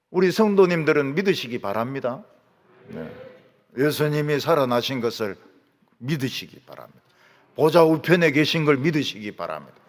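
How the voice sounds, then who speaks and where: A man's voice: on the high side, vocal fry, fairly bright tone. A male pastor delivering a sermon with emphatic rhetorical questions, recorded in a church hall. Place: church sanctuary. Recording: long reverb of a church hall.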